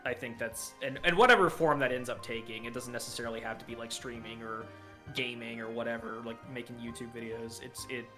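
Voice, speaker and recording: A man's voice: mid-range voice, fairly even intonation, a little fast, over music. A podcast guest with a sore throat, a man chatting casually in a rambling way, trailing off with fillers. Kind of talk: casual chat.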